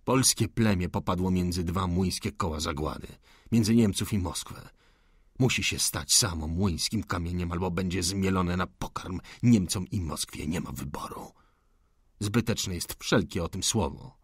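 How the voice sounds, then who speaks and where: A calm, firm old veteran speaks in measured, solemn words, as a male audiobook reader gives him voice. The tone is low and husky, recorded dry and close. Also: dry recording.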